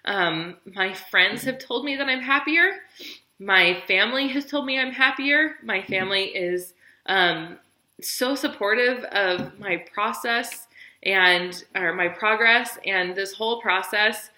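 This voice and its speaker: A woman's voice: mid-range voice, takes it slowly, sharp tone, roomy sound, rough recording. A woman in her thirties telling her personal story in a vlog, earnest and encouraging, tired and near tears at times. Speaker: vlogger sharing her weight-loss business story.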